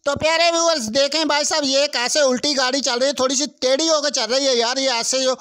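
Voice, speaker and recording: A young man with a Pakistani Urdu accent giving chatty, excitable commentary over a car stunt game, often calling out to his viewers. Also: extremely high pitch, fast talker. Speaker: gaming channel host. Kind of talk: casual gameplay commentary.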